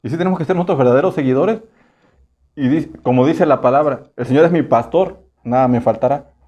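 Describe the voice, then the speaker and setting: A man with a Mexican Spanish accent preaching a casual, conversational sermon. He keeps asking the congregation rhetorical questions and slips into quick acted voices. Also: mid-range voice, darkish tone. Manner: acts out short voices for humor.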